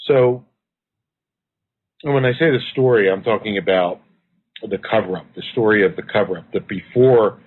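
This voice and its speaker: A man with a lowish, slightly rough voice answers interview questions over the phone as a guest, an activist and researcher. He explains at length and earnestly, at a moderate pace with long pauses. The phone line sounds tinny.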